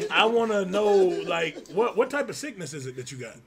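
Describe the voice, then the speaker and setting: A young man hosting a rowdy comedy livestream, loud, teasing and laughing a lot. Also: high-pitched, lively intonation, measured pace, creaky. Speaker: stream host on a blind date. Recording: live stream with loud crowd behind.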